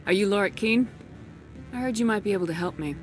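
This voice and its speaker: A woman's voice: medium pitch, fast talker, soft background music, close to an everyday voice. A woman playing a direct, self-assured military commander in a video game, asking questions in a businesslike way. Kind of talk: video game dialogue acting.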